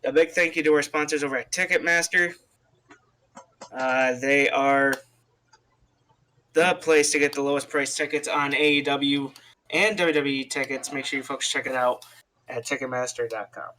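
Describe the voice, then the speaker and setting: On a wrestling podcast, a male co-host banters and runs through a casual sponsor read, addressing the audience as folks in informal promo patter. He speaks at a medium pitch and moderate pace, steady but bright and forceful, pausing often, with a little hiss or hum in the audio.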